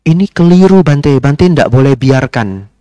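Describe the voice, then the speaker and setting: A man's voice: a little high, expressive, measured pace, warm tone, no room sound, lo-fi sound. A man voicing a pushy young man who urgently reports on others and demands action.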